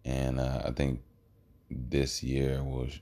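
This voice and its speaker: A man giving a rambling, reflective monologue in a halting way, with trailing pauses. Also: very deep voice, monotone, dark tone.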